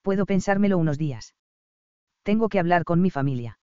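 Young woman doctor, unsure, fairly high voice, read by a man, dry dull audio. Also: expressive, brisk, mellow, smooth, dry recording.

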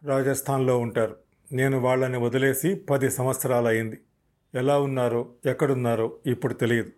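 A man's voice: medium pitch, level tone, fairly quick, darkish tone, close to an everyday voice. A man voicing a stubborn, nervous male murder suspect who insists with a shaky voice. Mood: evasive.

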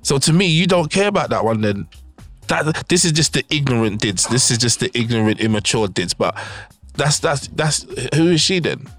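A man's voice: medium pitch, lively intonation, moderate pace, a bit bright, soft background music. A man with a London roadman accent, chatting casually and in slang as a podcast host. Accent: London roadman, Multicultural London English.

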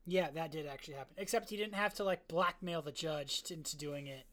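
A woman co-hosting a casual podcast, chatty and quick to find things funny. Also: sits low, fairly bright tone. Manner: amused, quick to laugh, chatty. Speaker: podcast co-host. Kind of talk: casual movie chat.

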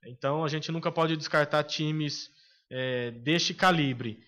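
A man with a Brazilian Portuguese accent, co-hosting a podcast in casual sports chat, opinionated and hesitant with frequent filler pauses. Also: on the high side, a bit bright. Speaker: podcast co-host.

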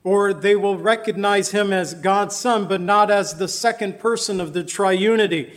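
High-voiced pastor, measured. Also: male voice. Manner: slow, measured reading of scripture; prays aloud in plain earnest words. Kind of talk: verse-by-verse sermon.

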